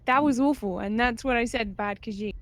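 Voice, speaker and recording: A woman as a player in a voice-call tabletop game, talking casually, quickly and self-deprecatingly. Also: a little high, a bit bright, no room sound. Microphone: voice call microphone.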